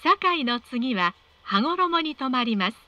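A woman reading scripted train announcements in a polite, measured, formal way. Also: sits high, big pitch swings, bright, forceful tone.

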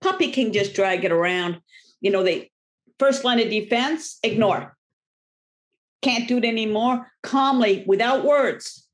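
A middle-aged woman dog trainer giving a lively talk to a seminar audience, often acting out the voices of owners and dogs. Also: fairly high pitch, unhurried. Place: library event room.

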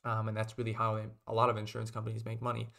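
Young man talking flatly to webcam. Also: on the low side, rapid-fire, gravelly. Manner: steady, level delivery with frequent "um" and "kind of". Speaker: investing video host. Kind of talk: casual explainer to webcam. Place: small room indoors.

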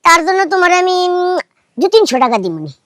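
A woman's voice: very high-pitched, big pitch swings, a bit bright, no room sound, exaggerated voice. A woman acting a brash young man who wheedles and presses impatiently, in a comedy play. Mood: pushy. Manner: wheedling, impatient, drawn-out "aha".

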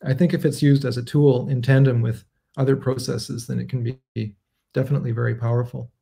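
Seated at his desk before a webcam, a man in his thirties who composes music takes livestream viewer questions in a home study lined with bookshelves. His delivery is flat and reflective, with a medium-pitched, dark voice, vocal fry, lots of fillers, pauses and self-corrections.

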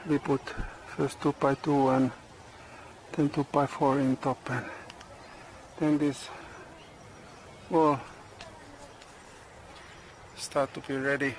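A middle-aged man, not a native English speaker, vlogging outdoors on a tropical farm. His English is halting, with many pauses and uh's, and the camera is held at arm's length. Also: medium pitch, level tone, a little hiss or hum. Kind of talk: casual vlog narration. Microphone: handheld camera selfie and tripod camera.

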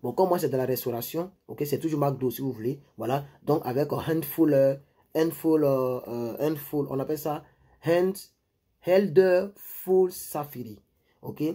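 Male vlogger, mellow and a bit raspy, loose and repetitive, talks directly to his viewers. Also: a little high, moderate pace. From Ivory Coast. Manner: rambling, repeats himself, addresses viewers directly. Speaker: YouTuber giving life advice. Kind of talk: casual advice monologue.

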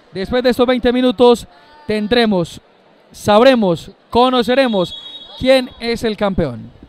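A man's voice: high voice, clear, resonant tone. A man giving live match analysis as a co-commentator, emphatic and repeating his phrases.

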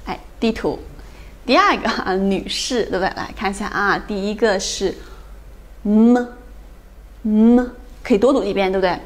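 A woman teaching an English phonics lesson, drilling each sound slowly and often checking with her students. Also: medium pitch, a bit bright.

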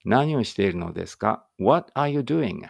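Low gravelly man leading phrase drills. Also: dry recording. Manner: reads each Japanese phrase, then its English version, slowly and deliberately; explains in a relaxed conversational tone. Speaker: English teacher. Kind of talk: read-aloud language drill with commentary.

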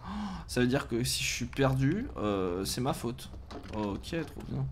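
A man commentates his own play on a live stream, swearing and groaning as things go wrong. His voice sits at a middle pitch. Faint noise hums under the recording. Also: animated, unhurried. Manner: swears often, reacts loudly, groans.

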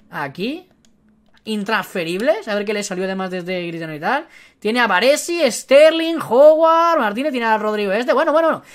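A woman with a Spain Spanish accent giving chatty live commentary as a game streamer. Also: high-pitched. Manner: chatty, bursts into excited shouting. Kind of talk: live video game pack-opening commentary.

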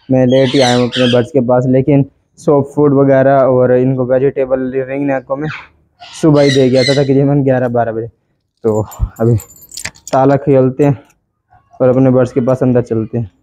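Amid the chirps and squawks of a noisy indoor aviary, a bird keeper from Pakistan narrates a casual vlog, complaining in frustration about his birds. He speaks at a medium pitch in exasperated chatter.

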